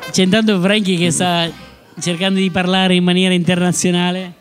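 A man's voice: sits high, level tone, fairly quick, soft background music. A man co-hosting a casual live chat, upbeat and chatty, often jumping in. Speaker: co-host.

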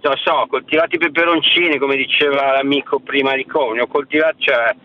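A man's voice: medium pitch, steady tone, a little fast. A man calling in over the phone on Bluetooth, chatting and rambling through long lists about his balcony plants. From near Milan. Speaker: caller. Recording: muffled phone line with faint noise.

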